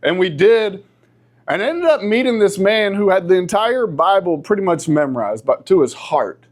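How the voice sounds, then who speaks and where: A man in his forties, a church class teacher, telling stories in a joking, animated way. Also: sits high, moderate pace. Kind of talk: casual talk.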